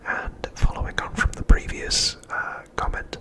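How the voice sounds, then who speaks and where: A man recaps an episode as an ASMR host, speaking in a breathy, hushed whisper with no voicing. His delivery is deliberate.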